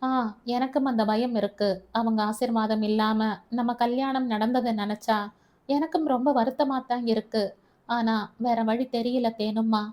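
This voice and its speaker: A tender young husband comforts his bride in a gentle, affectionate tone. A woman narrator reads him in her own medium-high voice. He sounds calm and steady in the audiobook. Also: a little slow, lightly acted. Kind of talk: audiobook character voice.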